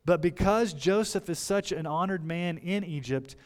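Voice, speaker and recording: A male pastor preaching an expository sermon, shifting between loud emphatic points and quiet asides and asking the congregation rhetorical questions. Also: high-pitched, moderate pace. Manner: conversational, explaining scripture with rhetorical questions.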